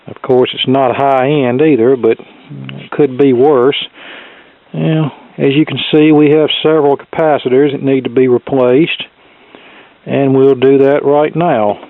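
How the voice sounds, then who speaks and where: In his workshop, a middle-aged man who repairs electronics as a hobby casually narrates a hands-on fix for his video, using plain talk and folksy expressions. He speaks unhurriedly in a steady, mid-range voice with vocal fry. The sound is close, dry, and tinny, narrow like a phone.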